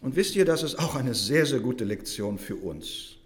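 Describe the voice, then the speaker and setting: A man preaching a sermon to his congregation. He talks with animated emphasis, swings between loud stressed phrases and quiet asides, and keeps checking in with a "ja?". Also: medium pitch, moderate pace.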